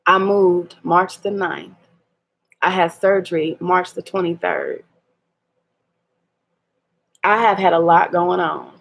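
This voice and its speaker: A woman's voice: lowish voice, steady tone, slow pace, gravelly, long pauses. A woman, talking candidly in a personal vlog, hurt and laughing ruefully through her restarts. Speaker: vlogger.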